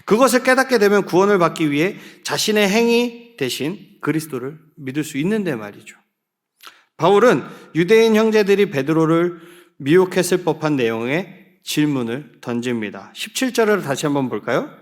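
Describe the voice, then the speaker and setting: A man's voice: on the high side, lively intonation, normal speed. A man preaching a sermon to a youth group in a church, often asking the listeners questions and calling on them to read aloud together. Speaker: youth pastor.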